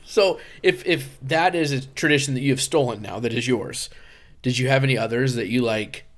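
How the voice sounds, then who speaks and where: Brief: man, mid-range voice, podcast co-host, casual and chatty, throws in "like" constantly. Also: mid-range voice. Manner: chatty, full of "like" and quick interjections. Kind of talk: casual chat.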